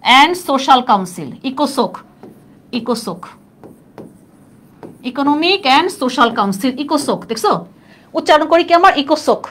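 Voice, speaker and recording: Quick, lively young woman tutoring. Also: high-pitched. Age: young adult. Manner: chatty, quizzing students with "clear?". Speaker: admission test tutor. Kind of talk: live online class lecture.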